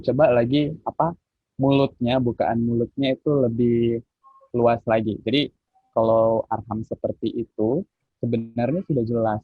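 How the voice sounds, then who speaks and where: A man teaching public speaking in a relaxed, instructive way with frequent fillers, heard over a call. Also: mid-range voice, husky, no room sound. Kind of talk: online training session. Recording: muffled phone-like call audio.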